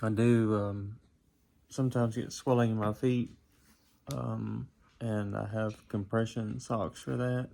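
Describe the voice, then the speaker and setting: A middle-aged man talking casually to a vlog in a drowsy, halting, unhurried way, with a dry mouth and some gum chewing. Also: on the low side, little pitch movement, creaky, warm tone. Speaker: vlogger. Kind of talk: casual solo vlog, rambling personal talk.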